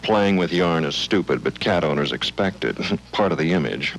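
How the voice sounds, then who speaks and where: Very low, deadpan finicky cat. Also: male voice, normal speed, slight background noise, full character voice, rough recording. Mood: smug disdain. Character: finicky, sardonic talking male pet cat. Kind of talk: character voice in a 1970s TV commercial.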